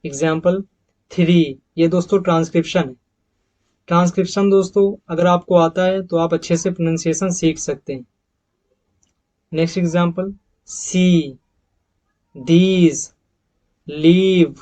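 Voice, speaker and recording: A man teaching English pronunciation over slides, repeating each example word slowly and calling his viewers friends. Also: high-pitched, steady tone, darkish tone, poor audio. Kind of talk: slide-based pronunciation lesson.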